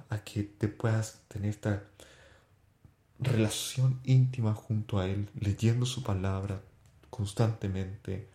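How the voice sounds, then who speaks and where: A man telling a personal faith testimony on his podcast, earnest and halting, with frequent restarts. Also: on the low side, mellow, reverberant. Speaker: podcast host.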